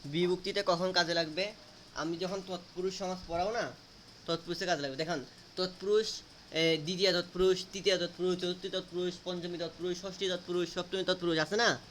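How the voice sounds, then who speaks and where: High-pitched man drilling a grammar lesson. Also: fairly even intonation, fairly quick, fairly bright tone, a little hiss or hum. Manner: repetitive, drilling students with questions. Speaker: teacher.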